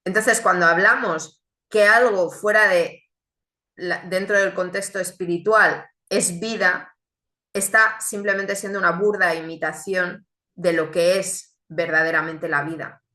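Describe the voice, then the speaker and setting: Woman w/ telling her faith story, bright clear voice, echoey room. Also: lowish voice, fairly even intonation, measured pace. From Chile, raised in Spain. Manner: earnest, reflective, with rhetorical questions. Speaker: speaker giving a faith testimony. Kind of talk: testimony talk.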